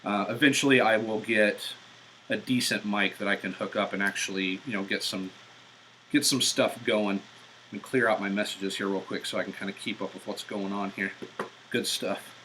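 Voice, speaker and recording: Guy ranting on a live stream about bad drivers, cussing a lot, bright punchy voice, built-in mic in his car. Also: lowish voice, fairly even intonation, normal speed, a little hiss or hum, low-quality recording. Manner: profane, exasperated ranting. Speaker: vlogger. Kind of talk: live-stream driving rant. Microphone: built-in mic of a portable device.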